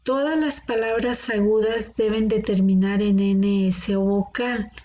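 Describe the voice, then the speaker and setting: Woman teacher going slow, drawing words out syllable by syllable, mellow tone, muffled lo-fi recording. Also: medium pitch, fairly even intonation. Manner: patient, stretches words out syllable by syllable. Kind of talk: classroom grammar explanation. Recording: dull lo-fi recording with faint noise.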